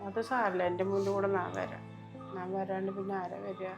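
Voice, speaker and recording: A woman's voice: mid-range voice, monotone, fairly quick, vocal fry, natural voice. A woman playing a loving, forgiving mother who soothes and coaxes her grown son, over background music. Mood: gentle. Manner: soothing, coaxing, calls her son "my pearl". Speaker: actor in a family web series. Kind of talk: melodramatic web series acting.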